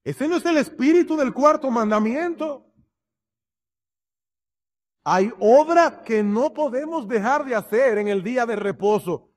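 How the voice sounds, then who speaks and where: Preaching in a high-pitched, expressive voice, a male pastor reads verses and drives his points home with shifting emphasis, sometimes acting out small scenes. He speaks a little slowly and pauses often.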